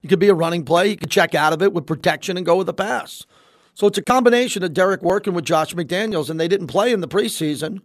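A man's voice: sits high, fast talker, no room sound. An American man hosting sports talk radio, giving emphatic opinions and repeating phrases for emphasis into a close studio mic. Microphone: close studio microphone.

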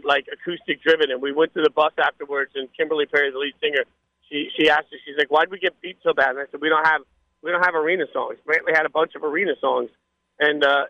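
A man's voice: a little high, no room sound, muffled recording. A man appearing as a radio guest, telling casual anecdotes in a chatty, rambling way.

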